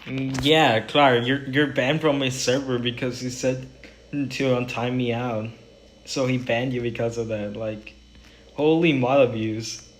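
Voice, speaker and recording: Brief: male streamer, mid-pitch, rambling gaming chatter with a faint hum behind. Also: steady tone. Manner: rambling, talks to chat while playing; quick bursts, trailing off mid-sentence. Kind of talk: casual gaming livestream chat.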